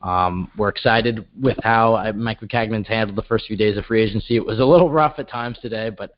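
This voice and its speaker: A man's voice: fairly low pitch, fairly quick, highs cut off. A male podcast co-host in casual sports chat, talking upbeat and steering the show to its close.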